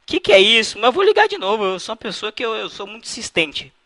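High animated man prank calling. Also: fast, dry recording. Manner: teasing, mock-innocent, playful chanting. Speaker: prank caller. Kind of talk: prank call comedy.

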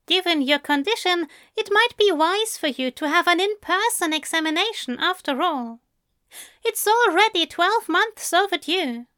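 A woman's voice: extremely high pitch, bright, forceful tone, no echo, studio quality, voice pushed up, full character voice. Aziraphale, a prim woman-voiced angel. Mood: polite. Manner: prim, courteous, old-fashioned phrasing. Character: fussy, gentle, effusive male angel. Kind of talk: fan audiobook reading.

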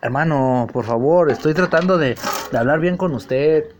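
A man voicing a soft-spoken, pious man trying to reform himself, talking in a subdued, preachy way. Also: fairly high pitch, extremely slow, lo-fi sound, a little hiss or hum, pitched below the performer's own voice. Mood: pleading.

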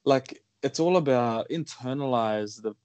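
A man's voice: medium pitch, unhurried, darkish tone, dry recording. A man giving his opinions on running in a casual podcast chat, rambling and using "like" a lot. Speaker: runner guest.

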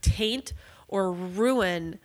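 A woman's voice: medium pitch, extremely slow. A woman co-hosting a podcast, her voice worn and sick. She talks bluntly and indignantly, swearing freely as she chats. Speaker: podcast co-host. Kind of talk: casual podcast chat.

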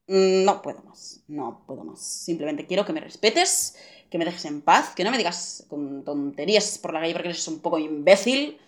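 Young woman podcast host, exasperated solo rant, sarcastic, lowish voice. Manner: exasperated, ranting with sarcastic asides. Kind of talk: venting monologue.

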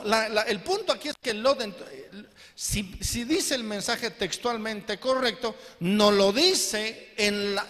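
A man's voice: high voice, fairly bright tone. A male pastor preaching a sermon who keeps asking the congregation whether they understand him. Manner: asks the congregation questions again and again. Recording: long hall reverb.

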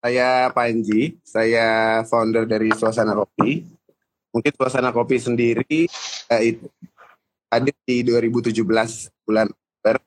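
A man guesting on a podcast over a video call, speaking in a halting way that repeats words, his audio choppy and cutting out. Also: mid-range voice, level tone, low-quality recording. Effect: choppy, cutting-out internet call audio. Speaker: cafe founder, podcast guest.

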